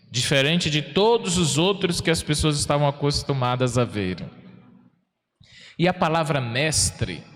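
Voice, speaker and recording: A Brazilian priest with a mid-range voice preaches a sermon in a homely, conversational way, putting questions to his congregation. He stretches words out slowly to stress them. His voice carries a long reverb through the church. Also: medium pitch, fairly bright tone. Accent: Brazilian Portuguese. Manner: folksy, asks the congregation questions, slows down for emphasis. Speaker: parish priest.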